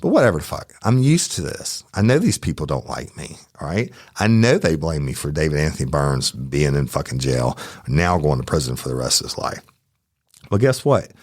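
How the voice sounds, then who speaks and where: A man's voice: a bass voice, big pitch swings, normal speed, a little mellow, dry recording, clean studio sound. A man hosting a true crime podcast, telling a story in a casual, profane and heated way.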